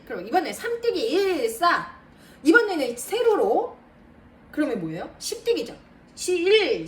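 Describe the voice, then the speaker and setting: A woman math tutor giving a lively lesson to parents, counting aloud and talking straight to mothers. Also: fairly high pitch, distant mic. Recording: roomy, a bit off-mic, faint noise.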